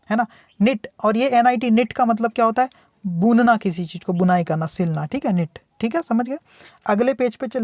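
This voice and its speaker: A man's voice: high voice, no room sound, clean studio sound. A man teaching English word meanings in Hindi, patiently repeating himself and asking the student questions that he answers himself. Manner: speaks slowly when reading English examples aloud. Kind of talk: tutorial on English words, explained in Hindi.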